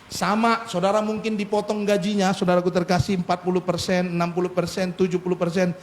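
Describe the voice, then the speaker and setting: A middle-aged man preaching a sermon as a pastor, animated and humorous, with frequent asides to the congregation. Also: high-pitched, a little fast. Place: church.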